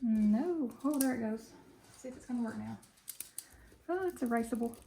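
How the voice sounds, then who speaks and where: A woman's voice: fairly high pitch, animated, moderate pace, gravelly, mellow, a little hiss or hum. A woman from Tennessee with a country Appalachian Southern accent, chatting casually and folksily to viewers as the host of a budgeting video.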